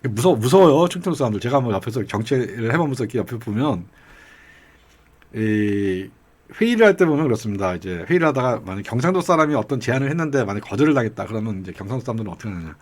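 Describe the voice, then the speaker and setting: A man's voice: medium pitch, sing-song, fast talker. Rambling middle-aged male political commentator. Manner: rambling anecdotal storytelling with chuckles; acts out regional dialect quotes. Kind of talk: casual political talk.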